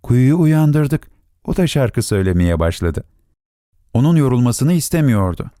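A man reading a story aloud as narrator, in an expressive, melodic storytelling manner. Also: mid-range voice, normal speed, dry recording, clean studio sound.

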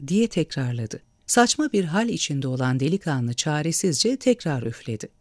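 A man reading a novel aloud in a measured, expressive narration. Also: fairly high pitch, dry recording, studio quality. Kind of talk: storybook narration.

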